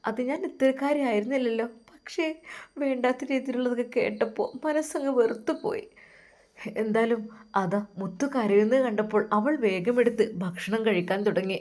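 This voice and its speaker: A woman's voice: fairly high pitch, moderate pace, darkish tone. A woman narrating an emotional religious story in a dramatic, heartfelt manner, with pious interjections.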